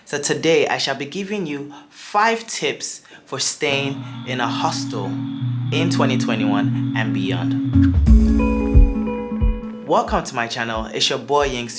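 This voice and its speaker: A young Nigerian vlogger gives chatty, upbeat travel advice to camera, full of asides and restarts, with a Nigerian accent that drifts toward American. His medium-pitched voice is slow, and loud music plays behind it.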